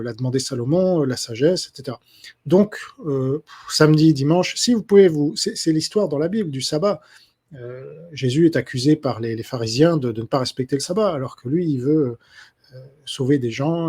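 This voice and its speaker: A man's voice: mid-range voice, dark tone, breathy edge. A man answering his subscribers' questions in a casual spoken monologue, hesitant and full of fillers and restarts.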